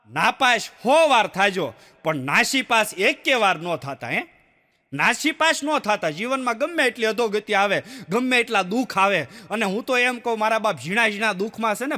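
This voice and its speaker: A stand-up comedian with a bright, ringing voice tells folksy jokes, acting out the people in his stories. His voice carries a long echo through a large hall. Audience laughter rises between his lines. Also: high voice. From Gujarat, India. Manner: animated storyteller who acts out the people in his jokes. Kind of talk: folksy stand-up joke telling.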